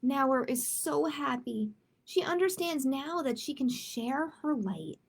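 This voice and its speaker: A library storytime host reads picture books aloud to children, expressive and slow, adding simple chatty asides and little check-in questions. Her high voice is animated.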